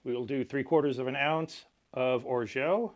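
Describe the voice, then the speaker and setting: A man hosting a cocktail tutorial, explaining each step in a measured, instructional way. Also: mid-range voice. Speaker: cocktail channel host. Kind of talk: cocktail recipe tutorial presentation.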